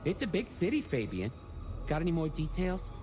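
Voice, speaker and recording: An actor voices a flirtatious, theatrical male police records clerk in a video game, sounding coy and playfully helpful. His voice is a little high and sing-song at a normal speed, with music playing behind him.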